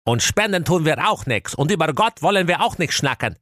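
A man voicing a brusque evil stepmother, a former shot-putter who barks and shouts. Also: on the high side, expressive, fairly quick, dry recording, clean studio sound, pitched above the performer's own voice. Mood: gruff.

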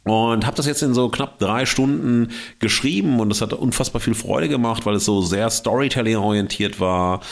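A man's voice: on the low side, normal speed, gravelly, hardly any pauses. A man co-hosting a podcast, chatting casually and telling long stories with many fillers, speaking close to his microphone. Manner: rambling anecdotes with many fillers. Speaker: podcast co-host. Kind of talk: casual chat. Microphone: microphone in front of face.

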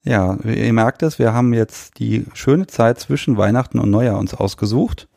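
Male podcast interviewer: low, creaky, mellow voice, casual delivery, dry sound. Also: normal speed, no room sound. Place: guest's living room.

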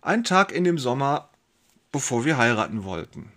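A man's voice: medium pitch, sing-song, moderate pace, a bit bright. A man playing a pious, anxious young carpenter, telling his story in first person with emotional swings between brooding and outbursts. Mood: rueful.

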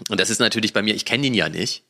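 A man's voice: fairly low pitch, rapid-fire, bright, forceful tone. A man co-hosting a podcast in casual chat, a chatty storyteller who rambles with fillers. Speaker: podcast co-host.

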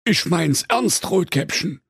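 A man's voice: high-pitched, lively intonation, slow pace, creaky, fairly bright tone, husky, no room sound, studio quality, pitched above the performer's own voice, full character voice. A man voicing a cowardly, whiny big bad wolf, nervous and blustering.

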